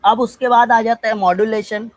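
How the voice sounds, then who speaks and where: Indian guy teaching physics online, kinda high voice, dry dull lo-fi sound, keeps quizzing himself and saying students' names. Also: steady tone, no echo. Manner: asks and answers his own questions, mixes English terms into Hindi; slows down to dictate English definitions. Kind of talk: live online class lecture.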